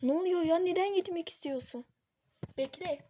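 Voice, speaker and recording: A woman's voice: sits high, normal speed, darkish tone, a little hiss or hum, close to an everyday voice. A woman voicing a young man who questions and pleads with a friend in a doll-series drama. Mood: alarmed. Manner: insistent, questioning.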